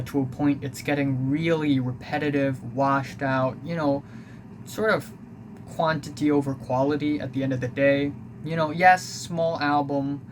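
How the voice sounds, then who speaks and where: Against a noisy background, a teenage guy with a highish voice reviews an album bluntly and casually, wandering off track and using lots of fillers. He's from Hong Kong, speaks with a Hong Kong accent, and Cantonese is his first language.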